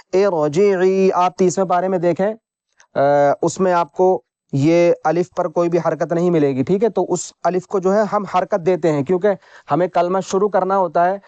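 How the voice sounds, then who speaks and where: A man teaching Quran reading rules in a patient lesson, repeating each point and spelling out letters slowly. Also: high voice, darkish tone, dry recording, lo-fi sound. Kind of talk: slow instructional lesson.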